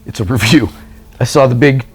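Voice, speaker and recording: A man's voice: mid-range voice, a little fast, vocal fry, faint music behind. A man co-hosting a casual movie review chat, blunt and jokey, swearing freely, with a dry, strained throat. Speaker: podcast co-host.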